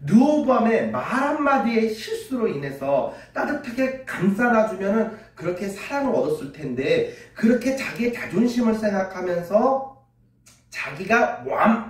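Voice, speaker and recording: Male children's pastor with a high voice, telling an animated Bible story, recorded from a distance in a reverberant church. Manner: animated, acts out quoted voices, asks children questions. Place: church sanctuary.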